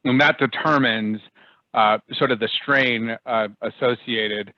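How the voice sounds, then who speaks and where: Man, mid-pitch, halting explainer with lots of restarts, dry muffled call audio. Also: fairly even intonation, no echo. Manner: halting, many restarts and fillers. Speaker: public health speaker. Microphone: video call.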